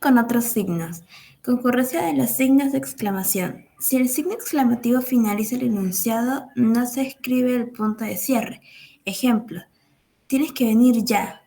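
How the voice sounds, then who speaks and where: A woman's voice: a little high, normal speed, creaky, warm tone. A young woman with a Peruvian Spanish accent, carefully reading rules and examples from class slides. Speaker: student presenter.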